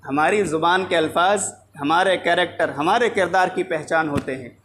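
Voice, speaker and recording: A man preaching a Friday sermon in a mosque, emphatic and repeating his key lines for the congregation, clearing his throat now and then. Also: high-pitched, slight background noise.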